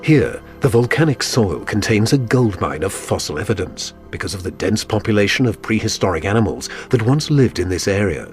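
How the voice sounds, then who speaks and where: A man's voice: on the low side, very animated, a little fast, hardly any pauses, faint music behind. A man reading scripted documentary narration in a dramatic manner.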